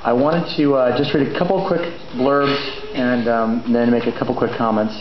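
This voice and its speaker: A middle-aged man delivers an informal eulogy at an average pitch. He talks conversationally and haltingly, drifting into asides. The room echoes around him, and the recording is a little muffled with faint noise. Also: fairly even intonation. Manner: conversational, hesitant, rambling with asides. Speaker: son of the deceased giving a eulogy. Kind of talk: informal eulogy at a memorial gathering. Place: large indoor memorial venue.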